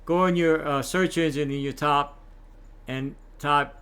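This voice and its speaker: A man's voice: on the high side, fairly even intonation, a little slow, a bit bright, smooth. An older man, a clown entertainer, chatting casually in an interview, folksy and full of corny puns.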